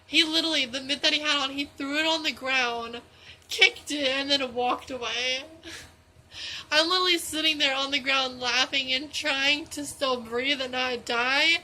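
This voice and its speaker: Bright high teen girl vlogger. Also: steady tone, a little slow, a little hiss or hum, poor audio. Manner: rambling, self-correcting, giggly. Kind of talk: casual storytelling vlog.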